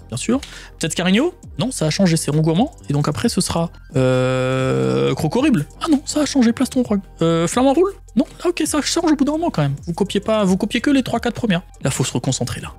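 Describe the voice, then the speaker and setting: Excitable French man opening card packs. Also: on the high side. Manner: swings from hushed mutters to loud excited shouts. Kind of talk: excited commentary.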